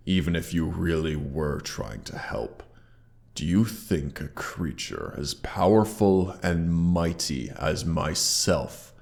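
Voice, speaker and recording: Using a very deep, full character voice, a man plays a proud and mighty dragon in scripted roleplay audio, sounding scornful, pompous and condescending with deliberately theatrical phrasing. The gravelly dragon is haughty but grudgingly grateful. His voice runs through sound effects processing.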